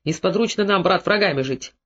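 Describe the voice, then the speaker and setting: A man's voice: high voice, a little fast, a bit bright. A man reading the part of a blunt, forthright Cossack father speaking earnestly. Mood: conciliatory. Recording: dull lo-fi recording.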